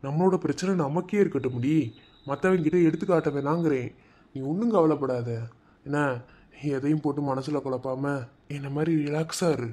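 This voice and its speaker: A chatty, easygoing village husband in a cartoon , played by a man, talking in a Madurai Tamil accent. His voice sits at an everyday middle pitch, and he coaxes and jokes as he reassures his wife. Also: darkish tone, close to an everyday voice. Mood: reassuring. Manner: jokey, coaxing, talkative. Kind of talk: cartoon voice acting.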